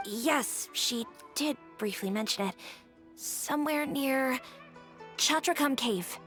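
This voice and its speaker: A woman's voice: high voice, slow pace, a bit bright. A woman voicing a friendly young townsperson in a video game, casual and slightly hesitant. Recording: game music underneath.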